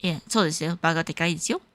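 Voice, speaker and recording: Speaking very fast in an expressive voice on the low side, a young Californian woman hosts a livestream and answers viewers casually. She flips between Japanese and English and laughs often, and there is no room sound.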